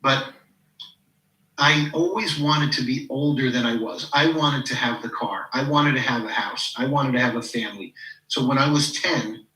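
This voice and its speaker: A man's voice: medium pitch, normal speed, sharp tone, roomy sound, recorded from a distance, low-quality recording. A man in his fifties, a podcast guest and coach, talking reflectively in a casual interview and leaning on "you know". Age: 50s. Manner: reflective, leans on "you know", acts out quoted people. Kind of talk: casual interview talk with personal stories.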